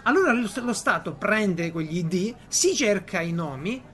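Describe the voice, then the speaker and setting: Male podcast host, conversational and ironic, lively delivery with emphatic repetition. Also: high-pitched, normal speed. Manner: animated, ironic, repeats phrases for emphasis. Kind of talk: casual chat.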